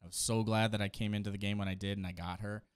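Speaking very fast with a clear, resonant, lowish voice, this man in his thirties keeps a flat delivery even though his trailer reactions are enthusiastic and slangy. He's a casual video host working from a small indoor streaming setup, with game trailer music in the background.

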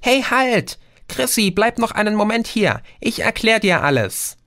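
A man's voice: sits high, sing-song, measured pace, bright, forceful tone, no echo, studio quality, voice pushed up, heavily acted. A man voicing a tiny, chatty female alien sprite in a read-aloud storybook. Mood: urgent.

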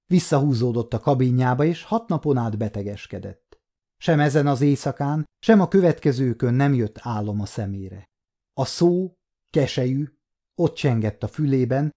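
Mellow-voiced male audiobook narrator. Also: mid-range voice. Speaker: audiobook reader. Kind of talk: scripted narration.

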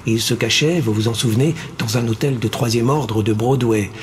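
A man voicing a slick, dramatic male television game-show host in an audiobook, working the audience with theatrical pauses and cries. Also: medium pitch, slight background noise, natural voice. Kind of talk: audiobook character voice.

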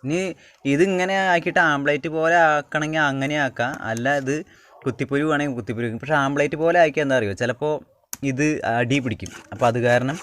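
This Kerala home cook and vlogger talks fast, with a medium pitch and a fairly bright tone, as he casually walks viewers through his cooking at a wood-fire spot at home. He rambles, repeating phrases while he works, and the noisy self-made recording picks up clicks and clattering pans.

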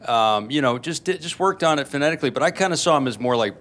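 A man's voice: mid-range voice, lively intonation, fast talker, fairly bright tone. A man being interviewed as an actor at a press event, answering in an easygoing, rambling way.

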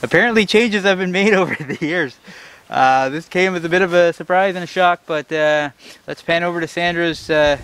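A man in his thirties talking casually about his gear at a forest campsite, relaxed and chatty with lots of filler words. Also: sits high, normal speed. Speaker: outdoor vlogger. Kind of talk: casual gear talk while camping. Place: forest campsite outdoors in rain. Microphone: camera mic, moving near and far. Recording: outdoor ambience noise.

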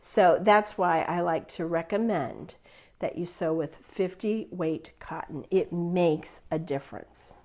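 A woman's voice: lowish voice, slow pace, a little mellow. A middle-aged woman teaching a live online quilting class in a chatty, upbeat way, laughing often.

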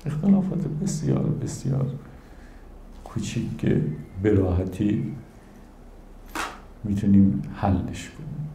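A man's voice: fairly low pitch, big pitch swings, gravelly, pauses often, warm tone, reverberant, slight background noise. A man giving a spiritual talk as teacher and counselor, telling stories animatedly and acting out the people he quotes.

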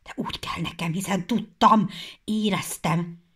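A woman voicing Karak, a fearful old male fox, in a hushed whisper for a storybook reading. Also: on the low side, lightly acted. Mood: frightened.

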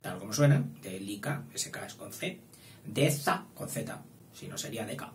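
A man's voice: lowish voice, animated. Teacher guy dictating, spells stuff out, voice all over the place, mic far off in an echoey room. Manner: slow, spelling out words, playful asides. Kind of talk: dictation lesson. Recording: echoey room, distant mic, faint hiss.

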